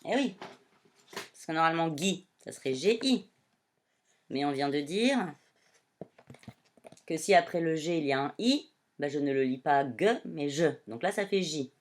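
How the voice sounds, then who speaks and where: Speaking in a low-pitched, animated voice, a female primary teacher gives young children a reading lesson. She talks to them directly, slowly and with clear enunciation.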